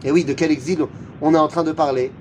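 A man's voice: a little high, steady tone, fast talker, darkish tone, a little hiss or hum. A man teaching a Torah lesson. He chants Hebrew verses and answers his own rhetorical questions. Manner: chants Hebrew verses between French explanation. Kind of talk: religious lesson.

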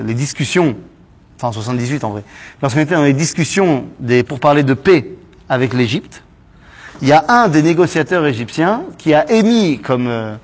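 A man leads a Torah lesson with a slightly high voice that swings widely up and down. He fires off rhetorical questions and drops Hebrew terms into his explanations. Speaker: Torah teacher. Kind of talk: lively Bible study lesson.

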